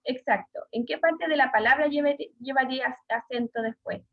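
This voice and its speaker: A woman's voice: high voice, normal speed. A woman with a Chilean Spanish accent teaching an online class, hesitant with many fillers and questions to pupils. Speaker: schoolteacher. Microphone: video call. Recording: dull lo-fi video call audio.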